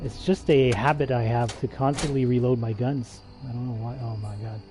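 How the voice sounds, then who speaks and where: A man's voice: mid-range voice, steady tone, moderate pace, over music. A man streaming a game, giving casual, hesitant commentary with many fillers and restarts. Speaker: gaming livestreamer.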